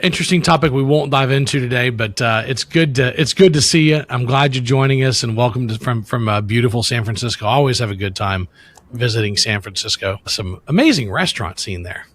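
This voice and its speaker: Chatty podcast host, dry sound. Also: male voice, medium pitch, fairly quick, no echo. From Louisiana, US. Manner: chatty, friendly, many restarts. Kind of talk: casual podcast interview.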